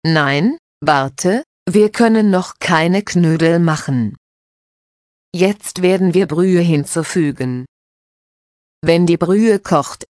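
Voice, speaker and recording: Woman reads calm mother figure, slow and instructive, lowish voice. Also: no room sound, studio quality. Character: patient mother explaining cooking to her children.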